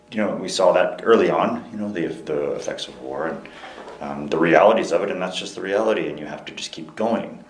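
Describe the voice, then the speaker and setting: A young man with an extremely low voice speaks in a candid interview. He is earnest and reflective but halting, full of restarts. The room sounds echoey, with a faint hum behind him. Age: young adult. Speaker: interview guest, military veteran.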